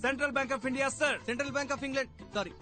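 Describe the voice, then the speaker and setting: An actor playing a naive, earnest young candidate who speaks in broken English. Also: male voice, extremely high pitch, fairly even intonation, slow pace, pushed and bright, faint music behind, heavily acted. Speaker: job candidate.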